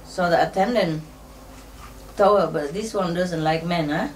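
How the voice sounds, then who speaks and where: Woman storyteller, slow and halting, lowish voice, distant mic with faint noise. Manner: unhurried, halting storytelling with many fillers. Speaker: spiritual teacher telling jokes. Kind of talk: telling jokes to an audience.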